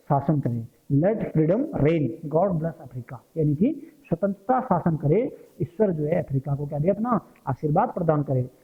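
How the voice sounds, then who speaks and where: A man teaching an English lesson to students, explaining word meanings and asking questions he answers himself, often checking in with "right?". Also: a little high. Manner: repeats "ठीक है ना" and asks questions he answers himself. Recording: tinny, phone-like sound with long echo.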